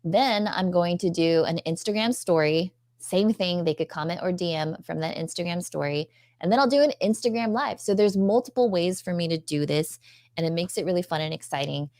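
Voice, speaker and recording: Upbeat woman podcast host, low-ish voice. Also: a little fast, darkish tone, no room sound, clean studio sound. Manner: upbeat, leads with questions and examples. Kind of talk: casual podcast chat.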